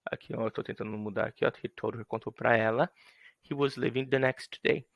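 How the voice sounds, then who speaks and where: A man's voice: medium pitch, fairly even intonation, brisk, creaky, no room sound, highs cut off. A man teaching English grammar in a playful way, acting out little scenes to show his examples. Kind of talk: explaining grammar to students.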